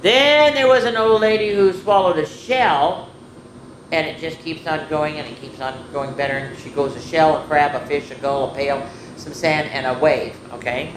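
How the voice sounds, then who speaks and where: Reading picture books to children in an informal read-aloud and show-and-tell, this woman speaks at a moderate pace in a low voice with fairly even intonation. She keeps things playful and chatty, rambling off to talk with her viewers, in an echoey room with noticeable background noise.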